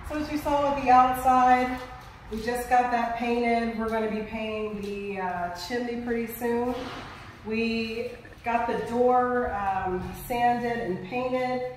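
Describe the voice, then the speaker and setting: Strolling through a house being renovated, a middle-aged woman who invests in real estate chats easily and points out features while another person films on a phone indoors. She sounds on the high side and takes it slowly, far from the mic, with echo from empty rooms and slight background noise.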